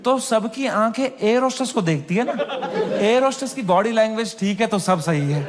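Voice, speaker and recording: A man telling a stand-up story in an animated way, switching between Hindi and English. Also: high voice, normal speed, very noisy. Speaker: stand-up comedian.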